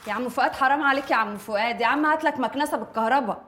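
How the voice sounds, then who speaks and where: A woman's voice: sits high, racing, fairly bright tone. A cheeky Egyptian cleaning girl. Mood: teasing. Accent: Egyptian Arabic. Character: cheeky young cleaning woman, teasing.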